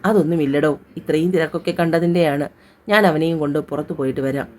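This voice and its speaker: Storybook figure: a steady, gentle young dad, voiced by a woman narrator, low and warm. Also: quick pace, lightly acted. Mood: reassuring. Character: young husband and father, calm and reassuring.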